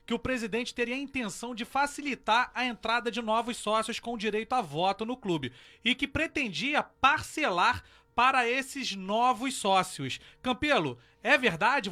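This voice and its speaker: A man's voice: extremely high pitch, bright, forceful tone. A man co-hosting a radio talk show, formally reading out listeners' questions to a guest.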